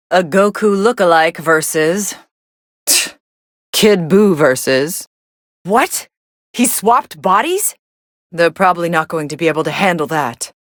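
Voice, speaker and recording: Android 18, low-voiced deadpan android fighter. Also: female voice, no room sound, clean studio sound. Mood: startled. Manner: deadpan, dismissive. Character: cool, sardonic young female android fighter. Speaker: fighting game commentator character. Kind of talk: scripted game voice lines, fight commentary.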